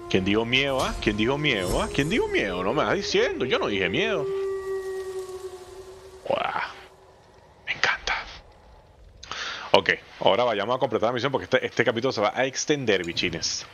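Animated man streaming a game. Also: mid-range voice, normal speed, long pauses. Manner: animated, slangy, talks to the game characters. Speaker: gameplay streamer. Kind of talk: let's play commentary. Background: game music.

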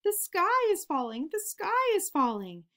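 A woman's voice: fairly high pitch, big pitch swings, takes it slowly, bright, forceful tone, exaggerated voice. A woman voicing a small, panicky young male chick in a storybook reading, shrieking frantically. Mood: panicked.

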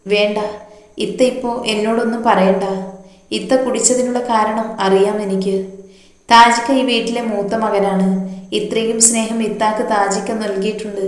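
A woman's voice: mid-range voice, fairly even intonation, normal speed, natural voice. A woman voicing an earnest younger sister who lectures her older sister. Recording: very echoey room.

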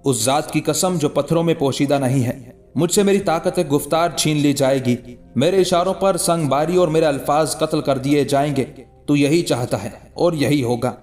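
A man voicing a calm, mocking ascetic holy man in a read-aloud historical story, with measured, scornful delivery. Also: a little high, faint music behind, natural voice. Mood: defiant.

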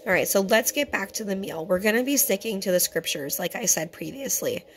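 A hoarse woman who keeps clearing her throat, giving an earnest, conversational scripture teaching to her viewers. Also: mid-range voice, lively intonation, fairly quick, a little hiss or hum. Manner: earnest and conversational, addresses viewers as brothers and sisters. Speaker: teacher of a Torah fellowship. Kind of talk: home-made teaching video.

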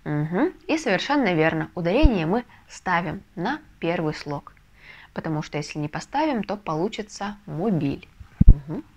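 A woman teaching a video lesson, explaining step by step with patient, soft confirmations. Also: lowish voice, big pitch swings, normal speed, highs cut off. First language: Russian. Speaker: Spanish language teacher. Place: language school in a Russian city.

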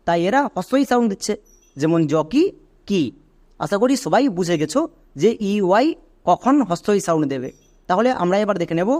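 In an online phonics lesson, a man with a high-pitched, slightly mellow voice teaches English pronunciation. He patiently spells words out letter by letter and checks understanding with quick questions.

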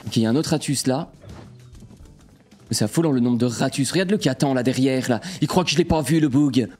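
A young man giving excitable gameplay commentary to his viewers, breaking into sudden frustrated outbursts. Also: medium pitch, fast talker, soft background music. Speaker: gaming streamer.

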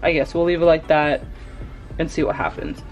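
A young cooking vlogger with a slightly low voice chats with her viewers while cooking indoors in her home kitchen, talking as she works and getting excited easily. She narrates this casual cook-along at a moderate pace. Music plays faintly under her voice, and the recording is rough.

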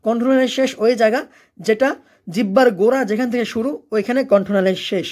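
Recitation teacher, mid-pitched voice, patient step-by-step explanations, slow melodic chanting. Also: darkish tone. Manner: explains rules step by step, then recites verses slowly and melodically. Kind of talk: recitation lesson.

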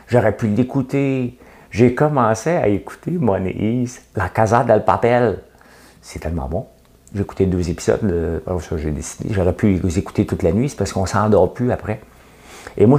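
Low and warm, this middle-aged man's voice carries a Québécois French accent. He hosts a daily commentary show and riffs through a loose, opinionated monologue, sarcastic and self-mocking, peppered with "tu sais."

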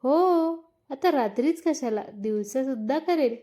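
A woman's voice: sits high, animated, a little slow, warm tone. A woman voicing a teasing, eager young husband, playful and insistent, in a read-aloud story.

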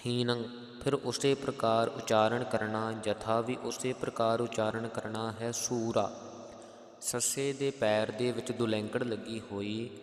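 A man with a Punjabi accent teaching scripture pronunciation, chanting verses slowly and then explaining each letter. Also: fairly low pitch, reverberant, in a large hall. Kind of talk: Gurbani pronunciation lesson with sung recitation.

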